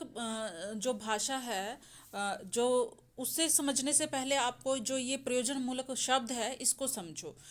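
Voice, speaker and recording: A young adult woman teaching an exam-prep lesson with a slightly high voice. She explains step by step, stops to ask rhetorical questions, and checks that students are following.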